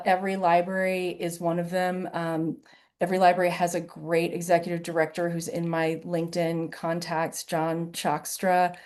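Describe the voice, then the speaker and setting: An author and webinar presenter in her fifties, from the Southern United States and Illinois, answers a question in a conversational webinar Q&A. She's chatty and animated, with a mellow, lowish voice, and she tags her points with "right?"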